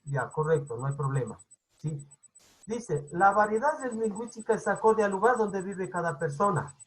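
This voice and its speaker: A teacher from Ecuador speaking with a Quito highland accent, delivering an online class lecture. The voice is somewhat husky and breathy, set at a middle pitch. They explain things patiently and keep checking in with the class. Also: poor audio. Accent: Quito highland Spanish.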